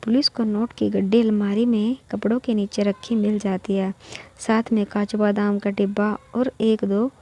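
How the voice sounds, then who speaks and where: Woman storyteller, scripted narration, matter-of-fact, flat delivery, mellow tone. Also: medium pitch, normal speed.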